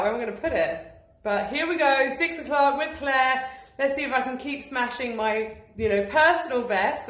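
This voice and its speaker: A woman's voice: medium pitch, roomy sound. Upbeat chatty woman vlogging. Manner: chatty and upbeat, laughs often. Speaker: vlogger and business owner. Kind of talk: casual daily vlog. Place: at home, indoors.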